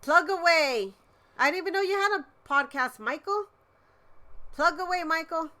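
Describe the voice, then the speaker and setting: A woman co-hosting a casual live stream, chatty and excitable, while sick with a cold. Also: extremely high pitch, moderate pace. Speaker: live stream host and vlogger. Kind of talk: casual livestream chat.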